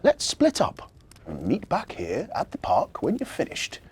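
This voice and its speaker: Man doing a deep, jolly old Santa Claus. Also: wildly swooping pitch, a little slow, breathy edge, exaggerated voice. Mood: hearty praise. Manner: reassuring, hearty. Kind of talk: children's storybook character voice.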